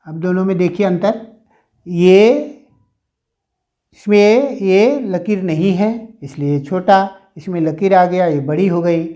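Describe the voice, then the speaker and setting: A man with a high, dark-toned voice teaches grammar in a classroom, explaining slowly, repeating things, and drawing out sounds aloud as examples.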